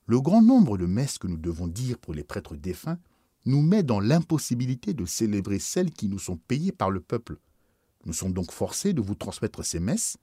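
A man narrating a first-person story aloud in a calm, measured, earnest way. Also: fairly low pitch, husky, dry recording, studio quality. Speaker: audiobook narrator.

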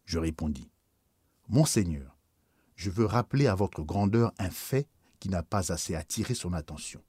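A man narrating a first-person story aloud in a calm, measured, earnest way. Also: low-pitched, husky, dry recording, studio quality. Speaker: audiobook narrator.

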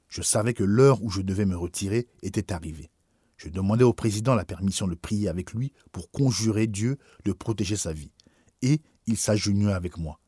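Low husky guy reading an old memoir, mellow and dry, slow and grave. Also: no echo. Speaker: audiobook reader. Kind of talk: solemn scripted narration.

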